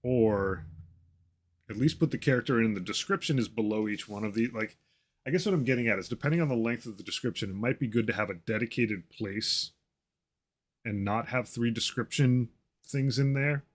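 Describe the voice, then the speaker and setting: A man's voice: medium pitch, normal speed. A man who designs games, talking through ideas at a casual work meeting and thinking aloud with lots of fillers and self-corrections. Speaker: game designer.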